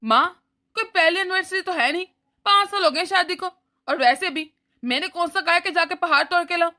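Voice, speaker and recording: An irritable elder son from a cartoon family story, played by a woman. He argues and complains in a very high, bright voice. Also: fairly quick. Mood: arguing. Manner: complaining, argumentative.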